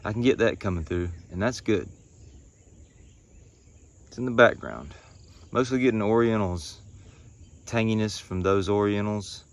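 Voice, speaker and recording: A man in his thirties giving a casual review to camera, speaking in short phrases with unhurried pauses. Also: fairly low pitch. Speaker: pipe tobacco reviewer. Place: outdoors in a pine wood.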